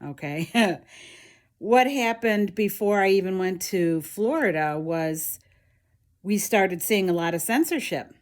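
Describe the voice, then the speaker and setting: A middle-aged woman from the United States telling her own story on a vlog, rambling and halting with many fillers and restarts. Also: medium pitch, animated. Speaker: vlogger. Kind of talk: casual personal storytelling.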